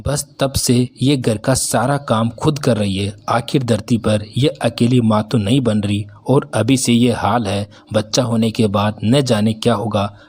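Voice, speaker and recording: A calm, sly young daughter-in-law, as a male narrator voices her in a storybook reading. Her speech is polite and pointed, with a husky, breathy tone. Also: mid-range voice, unhurried, hardly any pauses.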